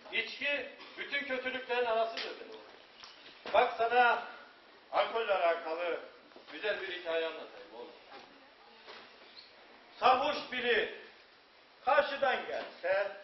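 Man playing a didactic storytelling father, echoey stage. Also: high voice. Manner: didactic, dramatic pauses. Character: moralizing father telling cautionary tales to his son. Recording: echoey, muffled, noisy distant stage recording.

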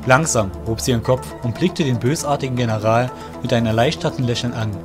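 A man narrates scripted fantasy audio drama in a medium-pitched voice with fairly even intonation and a quick pace. The music accompanying his story comes through clearly.

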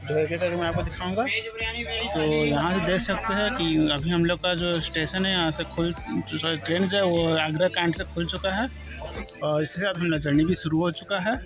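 A young man with a fairly high voice narrates a train trip into a phone held at arm's length. He talks in a chatty, step-by-step way, and loud music plays under his voice. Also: fairly even intonation, moderate pace. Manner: chatty, explains step by step with many fillers. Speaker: travel vlogger. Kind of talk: casual travel vlog narration. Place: on a train and station platforms, indoors and out. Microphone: phone camera at arm's length.

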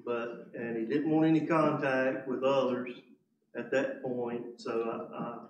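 Quiet guy thanking folks from the pews, far from the mic, echoey church. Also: medium pitch, fairly even intonation, a little slow, muffled recording, a little hiss or hum. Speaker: congregation member. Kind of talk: sharing a family update. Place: church sanctuary. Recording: roomy, distant from the mic.

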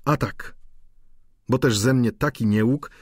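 A man's voice: medium pitch, unhurried, darkish tone, breathy edge, no echo, studio quality. A man voicing an ambitious, earnest young student in an audiobook, with an eager manner.

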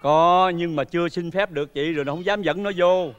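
An actor playing a flirtatious middle-aged matchmaker, excitable and full of exclamations, in a stage comedy sketch. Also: male voice, high voice, a little fast, clean tone, in a large hall, lo-fi sound, lightly acted.

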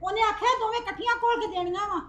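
Woman, very high and quick, defensive sister-in-law in village drama, echoey room. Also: steady tone, bright, forceful tone.

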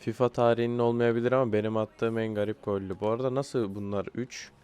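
A young male gaming YouTuber talks fast in a clear, resonant, slightly mellow mid-range voice with little pitch variation. He gives casual live commentary on a football video game, frequently bursting out in frustration and swearing at his players.

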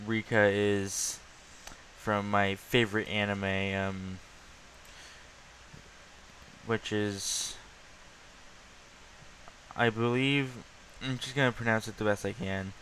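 Young man, low voice, slow drawl, lots of ums, casual screen-recording chat. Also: a bit bright, slight background noise, poor audio. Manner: rambling, many ums and pauses. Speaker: YouTuber showing his desktop.

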